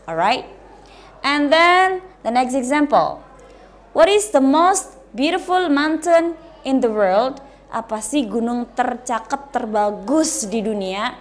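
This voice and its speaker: A woman's voice: sits high, lively intonation, slow pace. A woman with an Indonesian accent explaining English comparatives in a bilingual lesson, checking in with repeated "alright?". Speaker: English teacher.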